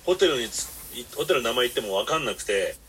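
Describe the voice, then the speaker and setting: A man's voice: medium pitch, animated, fast, a bit bright, slight background noise. A man hosting a podcast, telling long rambling stories in blunt casual chat. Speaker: podcast host.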